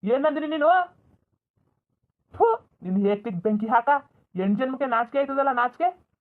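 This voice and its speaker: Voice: high-pitched, animated, moderate pace. A voice actor doing a furious young village man. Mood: furious scolding. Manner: shouting, scolding, bitter. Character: angry young man scolding his family. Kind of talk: Kannada village cartoon dub. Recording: tinny phone-like audio.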